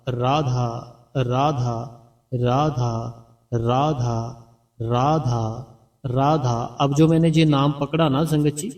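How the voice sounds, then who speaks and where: A man giving spiritual meditation guidance in a slow, repetitive, coaxing way, softly chanting names as he teaches. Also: a little high. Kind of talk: devotional guidance talk. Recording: heard from a distance over background music.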